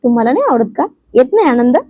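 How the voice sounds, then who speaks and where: A woman's voice: fairly high pitch, very animated, quick pace, warm tone, dull audio. A woman voicing a bashful young wife who scolds her husband in a romantic story. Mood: scolding.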